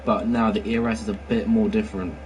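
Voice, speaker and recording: A man co-commentating on a race with short, casual remarks of analysis on a quieter, distant-sounding mic. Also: fairly low pitch, little pitch movement, fast talker, lo-fi sound, noisy background.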